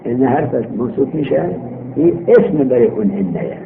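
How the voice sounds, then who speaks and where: Animated male seminary teacher on worn tape. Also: mid-range voice. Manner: didactic, drawn-out reading, asking and answering own questions. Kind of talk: grammar lesson, reading a text aloud and explaining it line by line. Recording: old worn tape, muffled narrow band, faint noise.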